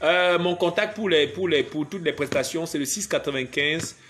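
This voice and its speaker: Casting: young Cameroonian comic on a live stream, joking, reads viewer comments, voice a touch high. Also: male voice, normal speed, fairly bright tone. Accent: Cameroonian French. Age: young adult. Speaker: comedian doing a live stream. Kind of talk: casual live-stream chat.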